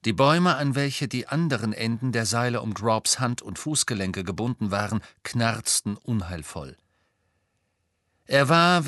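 A man reading an audiobook as narrator, telling the story in a lively, expressive way. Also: medium pitch, no echo, studio quality. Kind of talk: scripted narration.

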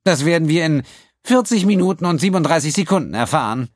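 A man voicing an arrogant male alien accountant in an audiobook, shrill and lecturing in a precise, haughty way. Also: lively intonation, quick pace, dry recording, clean studio sound. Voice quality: shrill, piercing. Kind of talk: audiobook character voice.

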